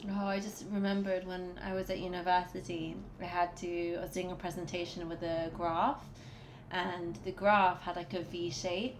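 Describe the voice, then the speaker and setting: Laid-back woman co-host, talks slow, a bit of background hiss. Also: on the low side, little pitch movement, poor audio. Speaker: podcast co-host. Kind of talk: bilingual casual chat.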